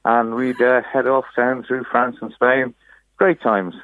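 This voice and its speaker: A man's voice: medium pitch, little pitch movement, measured pace, dry recording. Irish guy in his sixties phoning a radio show, chatty storyteller, narrow tinny line. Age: 60s. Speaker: radio phone-in guest. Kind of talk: casual anecdote telling. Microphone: phone call.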